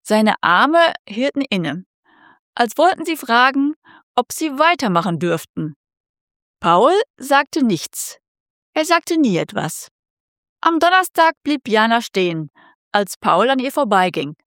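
A woman reads a story aloud slowly and deliberately, her pitch rising and falling with lively expression. Her voice sits a little high and the sound is close and dry. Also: no room sound. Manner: measured, expressive reading. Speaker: narrator. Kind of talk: scripted narration.

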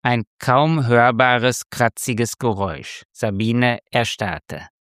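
A man reading a tense story aloud as narrator, with slow, measured delivery. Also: medium pitch, fairly bright tone, no echo, studio quality. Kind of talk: scripted narration.

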